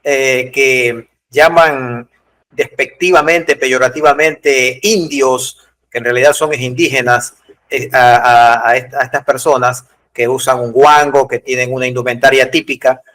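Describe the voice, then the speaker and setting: A man's voice: mid-range voice, fairly even intonation, measured pace, a bit bright. A man hosting a talk show, chatting with his guest and chiming in briefly to agree. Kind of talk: conversational interview.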